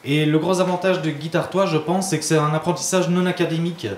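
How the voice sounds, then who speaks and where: Talking fast with a level tone, a guitar teacher responds to interview questions in a relaxed, informal conversation. His voice is a little high. Recorded in an indoor studio, the audio carries a roomy echo and noticeable background noise.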